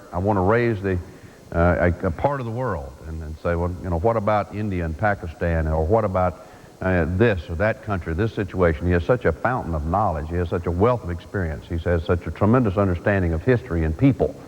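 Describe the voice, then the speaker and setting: A man giving a measured formal speech as a senator in a large chamber, pausing often with fillers, heard from a worn tape copy. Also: low-pitched, big-room sound, muffled recording, a little hiss or hum. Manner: measured, halting with frequent fillers. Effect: worn VHS tape copy.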